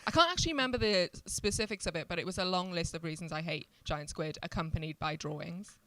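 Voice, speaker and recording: Low-pitched Welsh Valleys woman, chatting. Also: fast, bright, forceful tone, no echo. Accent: South Wales Valleys. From Blackwood, South Wales Valleys. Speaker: stand-up comedian, podcast guest. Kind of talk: casual comic chat.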